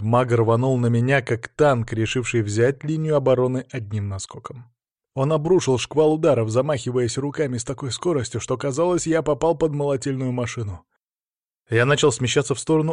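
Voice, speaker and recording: A man reads a first-person audiobook in a tense, measured way. His pitch sits in a mid range for a man. The recording is dry and close, with no room echo. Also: darkish tone. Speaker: audiobook narrator.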